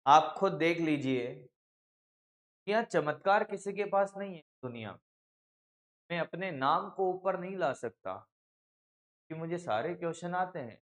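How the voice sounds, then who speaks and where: A man teaching a live online practice class, scolding and coaxing his students in a brisk, familiar way. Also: a little high, fairly bright tone.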